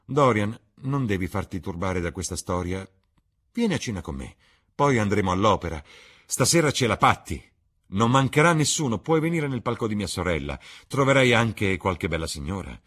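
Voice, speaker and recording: Guy doing a smooth worldly lord, low and husky, unbothered. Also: expressive, normal speed, fairly bright tone. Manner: suave, composed, persuasive. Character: worldly older male aristocrat, calm and cynical. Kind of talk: audiobook reading.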